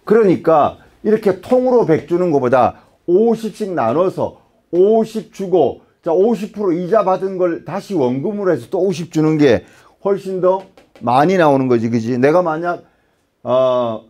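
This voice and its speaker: Man, math teacher, casual lecture, lively pitch, mellow tone. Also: moderate pace. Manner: casual, often asks the class "right?".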